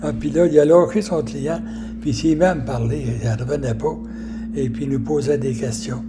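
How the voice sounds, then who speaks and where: A man in his eighties with a Québécois accent, telling stories from his life in a rambling, halting way full of fillers and restarts. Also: fairly high pitch, over music. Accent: Québécois French. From Quebec. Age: 80s. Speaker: storyteller recounting his life. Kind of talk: casual life storytelling.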